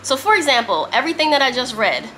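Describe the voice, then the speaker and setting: Still congested from a lingering cough, this vlogger talks to camera in a casual, emphatic sit-down chat, reading aloud at times, her voice slightly strained. It's high and a bit bright, fast, with big pitch swings, and there's slight background noise.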